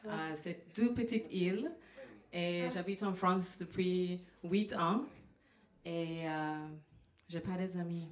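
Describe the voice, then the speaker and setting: A woman from Trinidad and Tobago with a Trinidadian accent, performing stand-up comedy in a halting way with many fillers. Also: on the low side. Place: comedy venue. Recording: roomy live venue sound.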